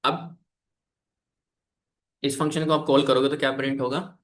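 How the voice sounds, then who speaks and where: A man's voice: mid-range voice, level tone, normal speed, a bit bright. A man teaching a programming class, asking his students questions and waiting for their answers. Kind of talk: classroom coding lesson.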